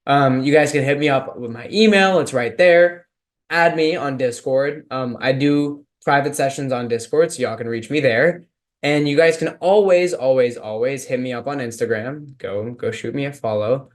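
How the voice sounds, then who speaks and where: A man's voice: mid-range voice, moderate pace. Casual young man from Texas coaching. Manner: casual, filler-heavy coaching talk. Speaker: speech and debate coach. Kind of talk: online lecture with Q and A.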